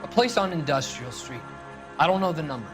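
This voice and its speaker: A man's voice: fairly high pitch, lively intonation, a little fast, music in the background, natural voice. Man playing slangy, defensive cornered crook. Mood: cornered, giving in. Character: defiant, cornered male car thief under police questioning. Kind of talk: video game voice acting, 1940s crime drama.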